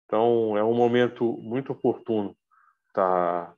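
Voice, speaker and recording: A Brazilian man speaks through a face mask, so his fairly low voice comes out muffled. He talks very slowly and haltingly, searching for words in an informal lecture. The video-call audio is dull and lo-fi. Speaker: guest speaker, arbitrator.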